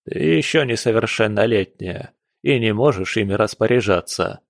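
A man's voice: fairly low pitch, animated, normal speed, creaky, no room sound, clean studio sound. A man doing a stern aristocratic father. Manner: stern, commanding.

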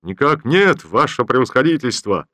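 A man reading an audiobook voices a simple young peasant soldier shouting out eager, dutiful answers to his general. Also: medium pitch, big pitch swings, moderate pace, dry recording, voice pushed up.

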